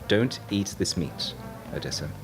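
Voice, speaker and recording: A man's voice: deep voice, lively intonation, unhurried, gravelly, over music, heavily acted. A man doing a watchful, protective animal companion. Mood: urgent. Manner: urgent, warning, matter-of-fact. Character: calm, watchful male pet animal, protective guide. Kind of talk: audiobook narration.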